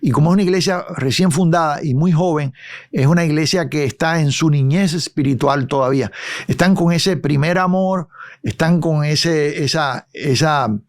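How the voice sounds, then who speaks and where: Man, Bible teacher, slightly high pitch, conversational, checks in with listeners. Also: moderate pace. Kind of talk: expository Bible study.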